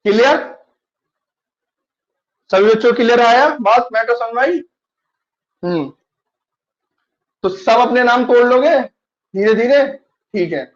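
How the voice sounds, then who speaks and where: High-voiced male teacher, patient. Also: takes it slowly, pauses often, dull audio. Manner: patient, repeats questions to students. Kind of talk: online class lesson.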